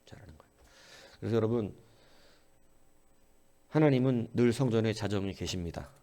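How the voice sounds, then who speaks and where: A man preaching a sermon as pastor, animated, with many rhetorical questions and swings between loud exclaiming and quiet murmuring. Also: on the low side, normal speed. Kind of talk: early-morning sermon.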